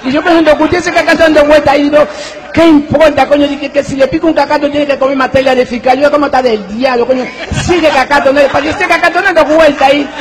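Man, very high voice, comic storyteller, animated and exclamatory, faint crowd behind. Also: rapid-fire, hardly any pauses. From Dominican Republic. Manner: animated, exclamatory, acts out his own frightened cries.

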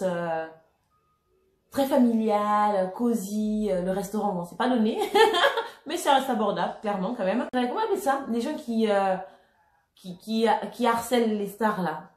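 A woman vlogger chatting casually and excitably while unboxing skincare products, laughing often and using many fillers. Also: medium pitch, moderate pace. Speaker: beauty vlogger. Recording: echoey room.

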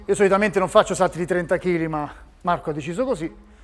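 A man's voice: high voice, quick pace. A man hosting a lifting vlog in a gym with casual banter. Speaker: host and powerlifter.

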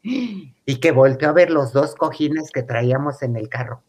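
A man's voice: mid-range voice, animated, measured pace, husky. Camp Mexican man telling a comic story. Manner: camp, chatty, breaks into laughter, acts out the voices of the people he quotes. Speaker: comedic storyteller. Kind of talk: comic anecdote told to a live audience.

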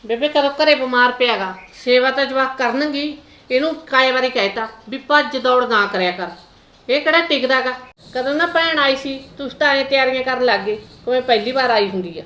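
A woman's voice: high voice, brisk, bright, forceful tone, reverberant, rough recording. A woman playing a resentful mother who complains about her family. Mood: complaining. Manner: complaining, snippy.

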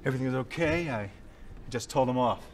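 An actor playing an eager assistant lawyer with a reassuring, lively way of talking. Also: male voice, mid-range voice, fairly quick, noisy background, lightly acted.

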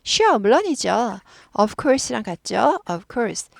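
A woman teaches English with a slightly high, gravelly voice. She explains phrases lively and repeats them for drills. The sound is dry and close. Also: very slow, dry recording. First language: Korean.

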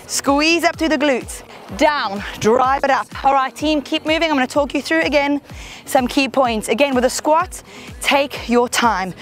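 A woman fitness instructor leading a workout, cheering on and counting down reps, a bit out of breath from moving along, with a mic close to her mouth. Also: high-pitched. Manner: upbeat, encouraging, counting down reps. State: slightly out of breath while exercising. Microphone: headset or clip-on mic close to mouth.

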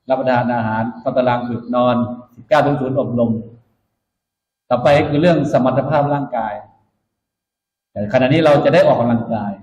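A man's voice: medium pitch, darkish tone. A man speaking as a military officer to new recruits, instructive and emphatic, repeating his key points in a motivational orientation speech. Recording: echoey room, dull muffled sound.

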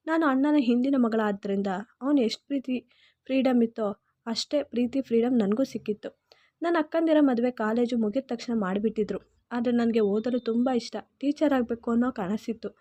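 A woman's voice: fairly high pitch, dark tone, no room sound, highs cut off. A woman narrating an emotional first-person story in Kannada-accented speech, earnest and heartfelt.

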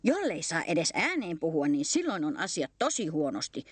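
A woman voicing a kindly old male bear who explains things loudly and earnestly. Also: deep voice, sing-song, breathy edge, dry recording, heavily acted.

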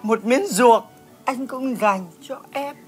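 A woman on stage playing a loud visitor who swings between fierce cursing and sentimental drama. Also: high-pitched, animated, fast talker, soft background music. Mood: nostalgic. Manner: dramatic, exaggerated. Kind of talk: stage comedy acting.

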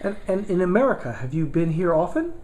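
A man's voice: sits high, big pitch swings, fairly quick, a little mellow, a little hiss or hum. A man behind the camera interviewing a guest, asking chatty, upbeat questions. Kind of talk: friendly promotional interview. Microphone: camera mic, off-screen.

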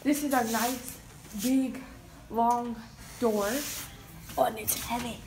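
Giggling, a young vlogger holds up her phone camera and shows off a house and backyard in a joking, falsely boastful tour. Her voice is a little high, steady and slow, captured in roomy phone audio with background noise.

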